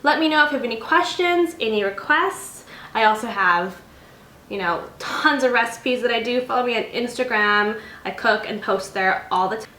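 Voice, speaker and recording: A woman's voice: fairly high pitch, lively intonation, normal speed, bright, forceful tone. A young woman chatting casually on her vlog, rambling and correcting herself as she reviews snacks. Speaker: beauty and lifestyle vlogger. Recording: echoey home room with faint noise.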